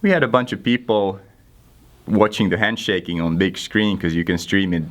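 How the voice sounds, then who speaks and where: Speaking at a normal speed in a deep voice, a young Finnish guest intern with a Finnish accent handles interview questions casually. Finnish is his native language, and his humor is dry and self-deprecating.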